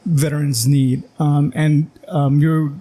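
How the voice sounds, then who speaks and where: A male podcast host with a fairly high, mellow voice. He frames his questions haltingly, circling back with ums and restarts before he gets to the point. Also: little pitch movement, slightly rough. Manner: hesitant, halting, many fillers. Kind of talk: casual interview chat.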